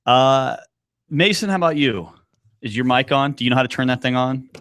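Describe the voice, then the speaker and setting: A man's voice: medium pitch, fairly quick, fairly bright tone, no room sound. A man hosting a casual show from a studio, teasing his co-hosts and laughing often. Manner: joking, teasing banter with frequent laughs. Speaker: podcast host. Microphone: studio mic with headphones.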